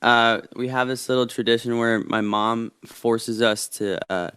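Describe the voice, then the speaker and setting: A man's voice: mid-range voice, fairly even intonation, unhurried, a bit bright, clean tone. A young man in a band, easygoing and amused in a casual chat. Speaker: band member. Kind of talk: casual video-call chat.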